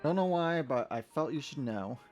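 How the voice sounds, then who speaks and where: A man's voice: fairly high pitch, lively intonation, normal speed, a little mellow, close to an everyday voice. Guy doing a sweet fussy librarian lady, says dearie a lot, motherly and jumpy, faint music behind. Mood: coy, pointed. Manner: sweet, calls listener dearie.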